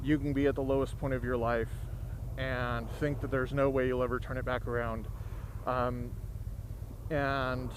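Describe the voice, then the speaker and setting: A middle-aged man giving a candid, earnest monologue to viewers in a halting way, speaking from inside a motorcycle helmet. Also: mid-range voice. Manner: halting, earnest, with long pauses. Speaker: motovlogger. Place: outdoors, riding a motorcycle. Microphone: close mic inside a motorcycle helmet. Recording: steady engine and road noise, inside helmet.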